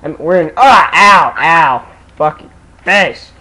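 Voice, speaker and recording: A young man chatting casually while playing a co-op game, excitable and quick to break into laughter. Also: a little high, husky, rough recording. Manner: excitable, bursts into loud laughter and shouts. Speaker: gamer recording co-op play. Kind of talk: casual gaming chat.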